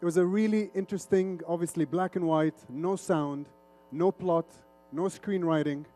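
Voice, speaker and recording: Faint music plays behind a high-pitched, mellow male voice that keeps a steady tone at a moderate pace. The middle-aged speaker, an Arabic speaker from Lebanon who was raised in Saudi Arabia, is a media executive delivering an informal, interactive conference presentation. He moves back and forth between Arabic and English.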